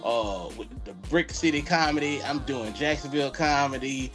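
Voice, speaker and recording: A man's voice: medium pitch, moderate pace, music in the background. Joking Southern man on a podcast. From Florida. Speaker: comedian guest. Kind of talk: casual podcast chat.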